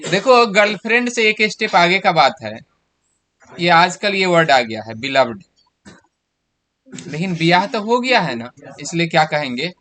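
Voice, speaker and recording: A man's voice: high-pitched, big pitch swings, unhurried, long pauses, bright, forceful tone. A man, teaching a class and walking students through exam answers by asking them questions. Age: 30s. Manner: explains step by step, quizzing students with questions.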